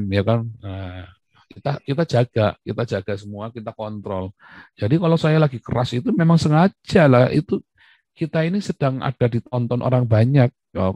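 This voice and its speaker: A man's voice: medium pitch, a little mellow, no room sound. A man hosting a live video-call discussion, emphatic and lecturing, often repeating himself. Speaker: livestream host.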